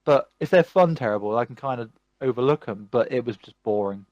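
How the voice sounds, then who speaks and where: A man's voice: mid-range voice, a little fast, no echo, muffled recording. A man hosting a podcast, chatting casually and ranting at length about films. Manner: animated, rambling movie ranting. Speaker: podcast host. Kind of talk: casual chat.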